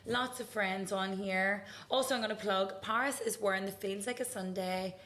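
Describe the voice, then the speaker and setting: A woman's voice: mid-range voice, steady tone, normal speed, fairly bright tone. Chatty young woman podcast host. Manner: chatty, swears casually, lots of "like". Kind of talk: casual chat.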